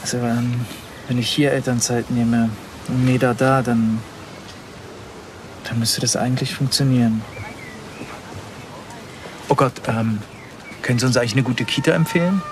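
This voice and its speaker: A man's voice: mid-range voice, steady tone, normal speed, long pauses, close to an everyday voice. An actor playing a devoted young expectant father in a TV drama, earnest and casual. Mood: excited. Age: young adult. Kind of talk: naturalistic TV hospital drama. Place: outdoor hospital garden. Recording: outdoor ambience, background noise.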